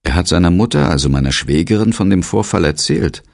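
A man's voice: sits low, expressive, a little fast, creaky, a little mellow, dry recording, studio quality, pitched above the performer's own voice. A man voicing a strong-willed, commanding upper-class mother in an audiobook, probing and insistent.

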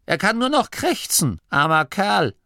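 A man voicing a blunt, bossy old gnome grandmother who is a herbal healer, in a high, commanding voice. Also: very animated, measured pace, sharp tone, dry recording, studio quality, heavily acted.

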